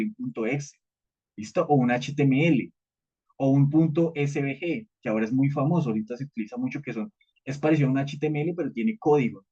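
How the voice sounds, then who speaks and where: A man's voice: medium pitch, warm tone, slightly rough. A man leading a live cybersecurity training, explaining at a conversational pace and often checking in with the group. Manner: conversational teaching, frequent "¿listo?" checks, repeated fillers. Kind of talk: live training session with participants. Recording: dull lo-fi audio.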